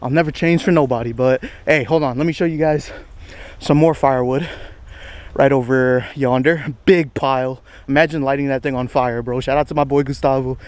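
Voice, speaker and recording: A man's voice: mid-range voice, fairly even intonation, normal speed, no echo. A man in his twenties talking casually to the camera while walking a wooded trail, rambling in slang and a little out of breath. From United States. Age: 20s. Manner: rambling, slangy, self-deprecating, says bro a lot. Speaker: vlogger. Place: outdoors on a wooded estate trail.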